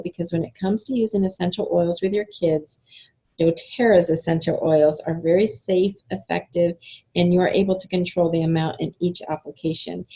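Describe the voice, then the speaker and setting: A woman's voice: on the low side, vocal fry, dark tone, slightly rough, rough recording. A middle-aged woman giving a chatty, enthusiastic online class to listeners, with frequent fillers and little laughs. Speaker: essential oils presenter. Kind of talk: casual online class talk.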